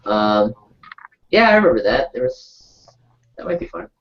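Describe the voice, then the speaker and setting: A man in a relaxed podcast chat, hesitant and trailing off, sounding far off and muffled as though heard through a wall. His voice is dull and lo-fi, as though picked up by the wrong microphone. His pitch sits in an ordinary middle range. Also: measured pace. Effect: distant and muffled, as if from down a hallway through a wall. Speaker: podcast co-host. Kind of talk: casual chat.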